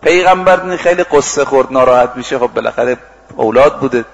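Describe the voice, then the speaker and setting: A man giving a sermon, telling stories vividly, acting out the quoted dialogue, and slowly chanting scripture and verse. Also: mid-range voice, vocal fry, lo-fi sound. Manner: lively storytelling that acts out quoted exchanges and chants scripture and verse. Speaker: preacher. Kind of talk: storytelling sermon.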